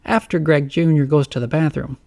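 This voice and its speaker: A man voicing a goofy, excitable little boy in a storybook reading, talking in a silly, excited way. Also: fairly high pitch, fairly quick, creaky, dry recording, clean studio sound.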